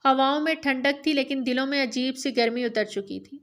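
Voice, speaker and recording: Woman reading a love story out loud, pretty high voice, steady and even. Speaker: narrator. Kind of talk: reading a romance novel aloud.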